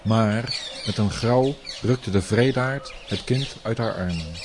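A man narrating a storybook tale in a measured, deliberate reading. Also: lowish voice, noisy background.

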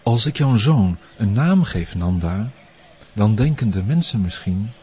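A man voicing a solemn, wise old grey-haired priest in a storybook reading, speaking earnestly and in hushed tones. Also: on the low side, expressive, a little slow, husky, heavily acted. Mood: warning.

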